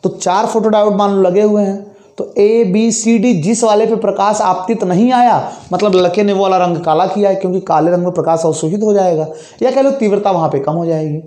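Young male physics teacher, high-pitched and mellow, fast explanatory lecture, echoey room. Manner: fast-talking, explains with everyday examples and frequent check-ins. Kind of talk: classroom lecture.

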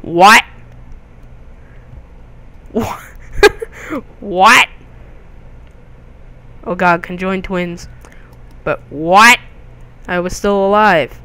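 A young man hosting a gaming video, giving jokey, excitable commentary with crude outbursts as he plays. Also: sits high, very slow, pauses often, clear, resonant tone. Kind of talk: gameplay commentary.

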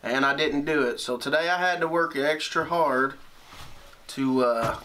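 A man's voice: on the high side, unhurried, pushed and bright. Laid-back man chatting in a cabin. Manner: laid-back, plain-spoken, drawling "ain't". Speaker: outdoors vlogger. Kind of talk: casual chat with his son. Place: small wood-heated cabin, indoors.

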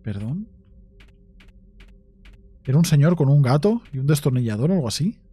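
A man's voice: mid-range voice, sing-song, moderate pace, dark tone, husky. A man with a Spain Spanish accent giving let's play commentary on a horror game, jumpy, swearing often and talking to himself. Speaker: gaming YouTuber.

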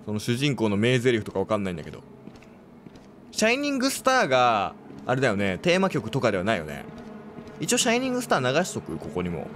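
A man casually commentating his playthrough of a horror game, chatty and quick to react with exclamations. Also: on the low side, fairly bright tone, a little hiss or hum.

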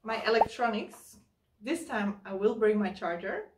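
A hiking vlogger in her thirties, with a medium-pitched, lively, unhurried voice, casually walks through how she packs her backpack while handling the gear. She's indoors in a living room, caught by a camera mic across the room, so the sound is roomy, distant, and noisy in the background.

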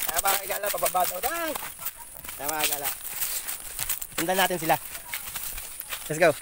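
A man's voice: a little high, fairly even intonation, moderate pace, heavy background noise. A man vlogging on a rural hike, cheerful and chatty, cheering and thanking people along the trail. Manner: upbeat, shouts greetings, laughs often. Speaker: travel vlogger. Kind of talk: excited casual vlog chatter. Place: outdoors on a rural forest trail.

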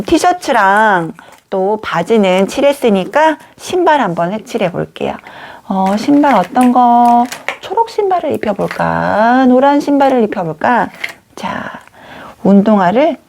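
A woman teacher leading a craft lesson for young children, talking gently in a sing-song way. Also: medium pitch, creaky, slight background noise.

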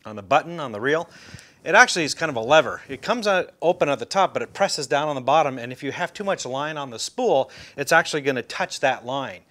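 Fast and animated, this medium-pitched, slightly bright voice belongs to a middle-aged fishing instructor in a chair indoors. He demonstrates casually and folksily, with fillers and restarts throughout.

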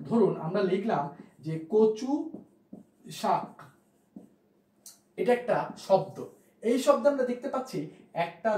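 A man's voice: high voice, echoey room, rough recording. A man teaching a grammar lesson, who explains step by step, repeats key points and asks his listeners questions. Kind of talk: classroom lesson explaining at a board.

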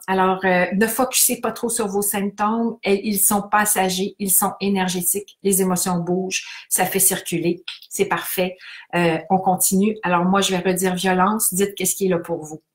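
A woman, calmly coaching a guided tapping session on a livestream and reading out viewers' comments in a repetitive rhythm. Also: mid-range voice, moderate pace. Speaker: energy healing coach. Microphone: webcam or phone on a live broadcast.

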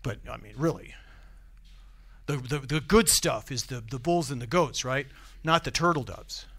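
A man's voice: medium pitch, moderate pace, a bit bright, slightly rough. A man with an American accent preaching a sermon in a church, conversational and often asking the congregation questions. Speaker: pastor.

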